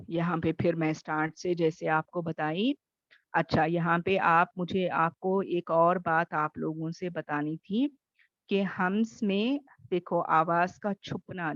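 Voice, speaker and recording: A woman's voice: on the low side, dry recording, muffled recording. A woman teaching a Tajweed class online, explaining patiently and checking in often with her students.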